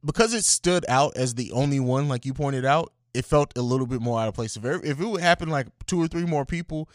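A man's voice: mid-range voice, a little fast, dry recording. Laid-back man saying bro, dry sound. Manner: laid-back, profane, calls his co-host bro. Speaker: podcast co-host. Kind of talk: casual film chat.

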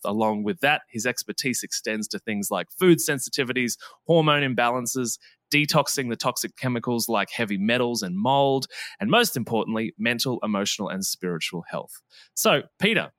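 A man hosting a health podcast, energetic and quick to laugh, introducing his guest in an upbeat way. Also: mid-range voice, dry recording. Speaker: podcast host.

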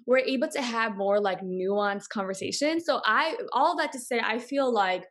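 A Boston woman in her 30s, the founder of a coffee company, talks as an interview guest, chatty and passionate, packing in lots of "like" fillers. Her voice is on the high side and fairly bright, at normal speed.

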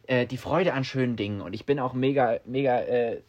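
Relaxed, chatty young man. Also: medium pitch, a little fast, highs cut off. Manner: relaxed, chatty, many fillers and English slang. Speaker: podcast co-host. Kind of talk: casual chat.

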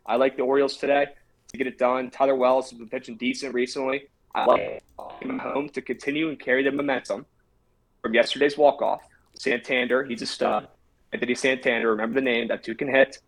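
A man's voice: mid-range voice, flat delivery, fairly quick, poor audio. Brash man giving betting picks. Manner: brash, confident picks talk. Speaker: sports betting co-host. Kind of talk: casual sports betting chat.

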